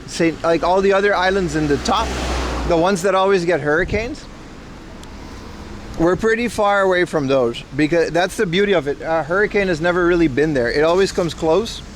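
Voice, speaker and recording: A man with a fairly high voice and an American accent rambles casually to his livestream viewers. He is playful and slangy. Clear street noise and passing cars sit behind him outdoors. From Aruba. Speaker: livestream host. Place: outdoors in a rural Japanese town on a rainy day. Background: traffic and outdoor ambience.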